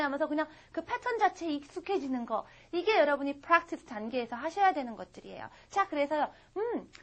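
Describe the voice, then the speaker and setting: High-voiced Korean English teacher. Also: female voice, fairly bright tone. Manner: explains step by step, reads English examples slowly. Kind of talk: recorded grammar lesson.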